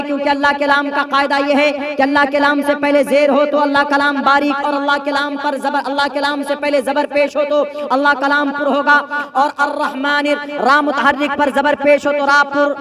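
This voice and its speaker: A male Islamic preacher giving a sermon on Quran recitation rules, slowly drawing out the words as he demonstrates them. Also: very high voice, completely flat delivery, a crowd in the background.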